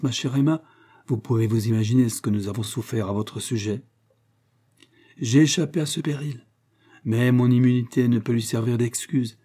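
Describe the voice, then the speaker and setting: A man voicing Madame Weston, a kindly, troubled middle-aged woman, with a dark, husky voice. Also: mid-range voice, close to an everyday voice.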